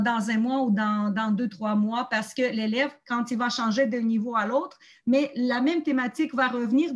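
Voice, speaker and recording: A woman's voice: a little high, highs cut off. A woman hosting an online teachers' meeting, explaining documents and ideas while searching for her words. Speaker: host of a teachers' community meeting.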